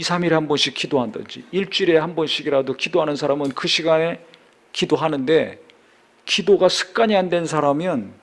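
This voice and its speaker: A middle-aged man preaching a sermon as a pastor, with a gravelly edge to his voice. He reads scripture aloud, then asks his listeners questions and answers them himself. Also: a little high.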